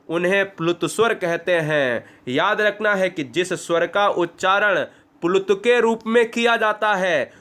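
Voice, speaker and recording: Guy teaching exam prep, pretty high voice, keeps quizzing the class and sounding out vowels. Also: fairly bright tone. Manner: drills students with questions and repeated sounds.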